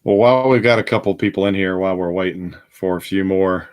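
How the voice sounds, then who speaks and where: Tired, low-voiced man. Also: clear, resonant tone. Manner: rambling, halting with many fillers and restarts. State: tired, yawning. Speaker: host of a group card break. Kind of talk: casual live-stream chat.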